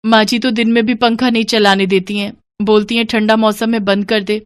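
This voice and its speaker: A woman's voice: on the high side, level tone, normal speed, no room sound, studio quality, lightly acted. A woman voicing a put-upon young daughter-in-law in a cartoon, pleading and complaining. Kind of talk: animated storybook voice acting.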